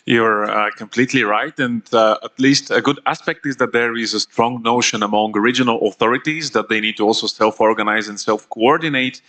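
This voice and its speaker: A man moderating a conference panel, measured and lightly joking, with some fillers. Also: mid-range voice, steady tone, pushed and bright. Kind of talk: panel discussion.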